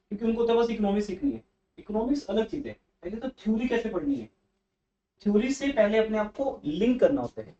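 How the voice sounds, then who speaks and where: A man's voice: a little high, a little mellow, lo-fi sound. A male commerce teacher giving a classroom economics lecture, coaching and scolding students on how to read theory aloud.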